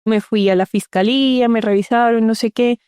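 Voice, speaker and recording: Recorded with studio quality and no room sound, a woman on the high side speaks at a moderate pace with fairly even intonation and a clean, darkish tone. She is an interview guest earnestly recounting her own story, often repeating words for emphasis.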